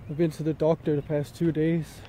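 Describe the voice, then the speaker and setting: Male vlogger, higher-pitched but soft-edged and mellow, slightly sick, halting and reflective, recorded outdoors with faint background noise. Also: level tone. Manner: musing, halting, searching for words. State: a bit sick with an ear infection. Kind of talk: casual rambling talk to camera while walking outdoors. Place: outdoors in jungle, light rain. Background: faint outdoor ambience.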